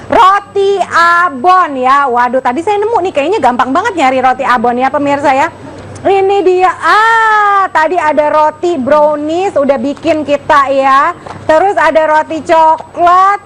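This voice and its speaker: A woman hosting a live infomercial, gushing excitedly as she pitches straight to the viewers. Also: slight background noise. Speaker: home shopping host.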